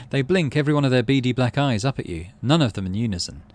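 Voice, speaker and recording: A man runs a let's play of a story game, reading its text with expressive flair in a brisk, medium-pitched voice and mumbling asides about his choices.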